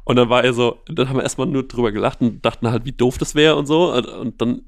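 A man chatting in a relaxed interview, spinning long stories with lots of "ähm" along the way. His voice sits in a middle register and comes through close and dry, with no room sound. He gets lively and quick when a story builds up. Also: medium pitch, gravelly, no room sound. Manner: animated storyteller, many fillers. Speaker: podcast host, guest here. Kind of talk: casual interview chat.

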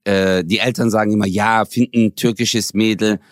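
Podcast co-host, a man in his forties from Germany who tells animated stories full of slang, close dry sound. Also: fairly low pitch, normal speed, no room sound. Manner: animated, slangy, acts out quoted dialogue. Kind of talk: casual storytelling chat.

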